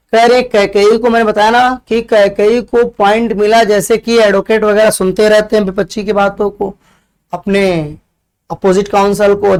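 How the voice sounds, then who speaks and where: A male teacher lectures on a poem in a smooth, clear, rather high voice. He moves at an unhurried pace, going over phrases again and explaining word meanings simply.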